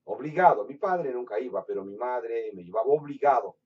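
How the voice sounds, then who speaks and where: A preacher from Latin America giving a sermon with personal testimony, swinging between loud, emphatic bursts and hushed storytelling. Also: male voice, medium pitch, fairly quick, slightly rough. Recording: distant, dull lo-fi sound.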